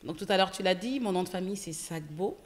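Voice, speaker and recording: A woman from Senegal, a guest entrepreneur, telling stories in a casual interview, lively, with many fillers. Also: on the low side, quick pace. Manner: lively storytelling with frequent fillers. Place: podcast studio.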